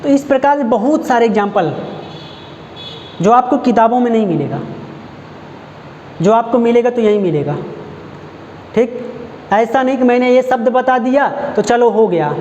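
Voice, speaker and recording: A male Hindi grammar teacher from Uttar Pradesh giving an online class, repeating example phrases slowly and checking understanding with rhetorical questions. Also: very high voice, a little mellow, slight background noise. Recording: echoey, dull lo-fi room recording.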